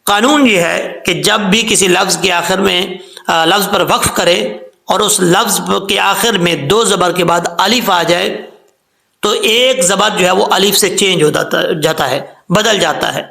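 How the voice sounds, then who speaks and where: A man with a high, bright, gravelly voice teaches Quran recitation with patient step-by-step explanations. He stretches words slowly and breaks into melodic chanting for the verses, and the room around him is echoey. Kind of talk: tajweed lesson.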